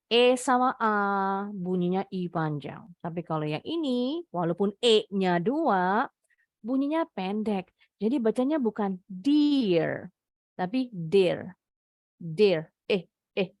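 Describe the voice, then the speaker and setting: A young woman with an Indonesian accent teaches an online English lesson, patiently explaining each word first in English and then in Indonesian. Her mid-range voice comes through a dry recording with clean studio sound.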